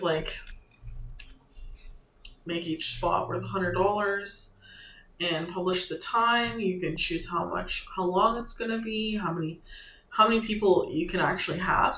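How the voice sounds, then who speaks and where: Relaxed tutor in an echoey room. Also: medium pitch, a little hiss or hum. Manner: loose and halting, thinking aloud while clicking through steps. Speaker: online creator and business coach. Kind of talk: casual screen-share tutorial. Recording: echoey room with faint ambience.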